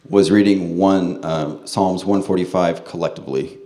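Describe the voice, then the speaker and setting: A man with a General American accent addressing a church congregation, pausing for an interpreter. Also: low-pitched, steady tone, dark tone. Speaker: guest speaker at a church. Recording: echoey room with faint noise.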